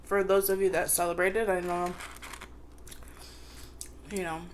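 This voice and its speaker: A woman's voice: lowish voice, flat delivery, measured pace, a little hiss or hum. A woman chatting casually to viewers on an eating show, chewing as she talks and eating between phrases. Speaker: mukbang vlogger.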